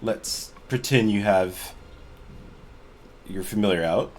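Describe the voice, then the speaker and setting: A man running an online tabletop game as game master, halting and restarting his sentences and laughing often. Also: on the low side, a little mellow, slight background noise. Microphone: home computer mic on a voice call.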